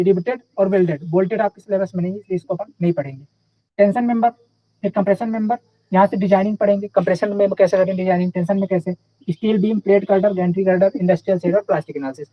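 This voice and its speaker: A man's voice: sits high, no room sound, highs cut off. A young man teaching a live online class in a casual, chatty way, often checking in with his students.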